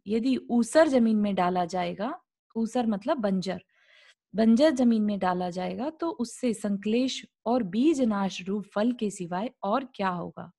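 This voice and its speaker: A woman's voice: medium pitch, mellow. Woman reading and explaining scripture. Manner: reads a passage, then explains it in simple words with rhetorical questions. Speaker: scripture class teacher. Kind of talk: reading and explaining a religious text.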